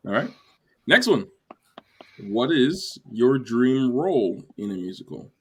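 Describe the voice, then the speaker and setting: Gravelly-voiced man hosting a chat. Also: mid-range voice, big pitch swings, takes it slowly. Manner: easygoing, laughing often. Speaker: podcast host. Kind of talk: casual chat, asking questions.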